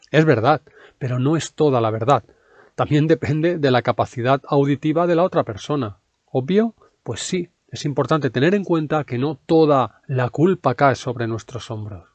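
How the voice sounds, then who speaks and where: Calm male Spanish teacher reading aloud. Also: mid-range voice, no echo.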